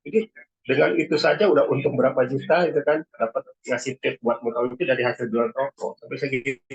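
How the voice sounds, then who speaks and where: A man's voice: medium pitch, steady tone, fast, slightly rough. Man on a glitchy, dropping video call. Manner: rambling, with many fillers and repeated words. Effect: audio glitching and cutting in and out on a weak call signal. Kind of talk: casual talk in an online meeting. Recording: dull lo-fi call audio that keeps dropping.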